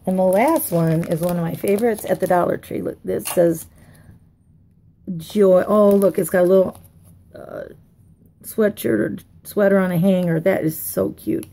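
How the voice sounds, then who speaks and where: A woman's voice: fairly low pitch, fairly even intonation, normal speed, gravelly, mellow. A woman chatting casually to viewers as she unwraps craft mail, gushing and a little tired. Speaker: craft vlogger. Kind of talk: casual unboxing chat.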